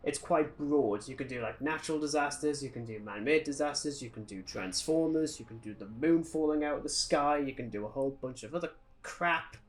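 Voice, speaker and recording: With hardly any pauses, a British podcast co-host speaks fairly quickly in a mid-range voice. He casually reviews films in an opinionated, sardonic rant.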